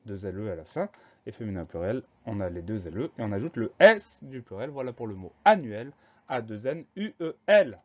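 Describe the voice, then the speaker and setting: A man's voice: on the low side, animated, moderate pace, a little mellow, muffled recording. Man spelling out words letter by letter. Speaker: teacher. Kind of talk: spelling lesson.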